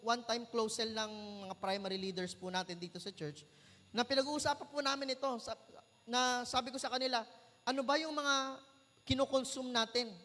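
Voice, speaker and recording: A man's voice: very high-pitched, pushed and bright. A man with a Filipino accent preaching a sermon, mixing Tagalog and English and asking the congregation questions in a playful, joking way. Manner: playful, jokes with the crowd. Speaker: pastor. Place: large church hall. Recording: long hall reverb.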